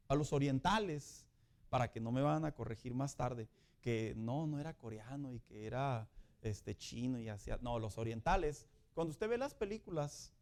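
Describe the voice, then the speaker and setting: A middle-aged man, preaching a Sunday school sermon in a lively, joking way. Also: mid-range voice. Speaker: pastor.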